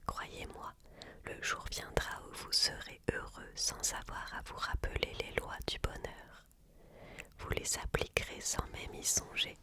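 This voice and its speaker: A person reading a book aloud as ASMR in a hushed library whisper, slowly and deliberately. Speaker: ASMR reader.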